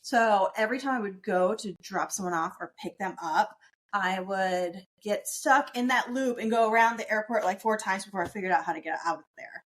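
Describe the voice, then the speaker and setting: Soft-spoken woman chatting casually. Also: mid-range voice, normal speed. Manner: supportive listener, short agreeing replies. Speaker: podcast co-host. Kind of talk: casual chat.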